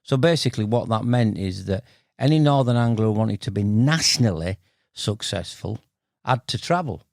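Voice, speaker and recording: Creaky-voiced older Bradford man. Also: on the low side, expressive, moderate pace, a little mellow, no echo, clean studio sound. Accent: Bradford Yorkshire. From Bradford, Yorkshire, northern England. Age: 60s. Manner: blunt, matey, colloquial. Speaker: podcast guest, veteran carp angler. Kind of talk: casual interview storytelling.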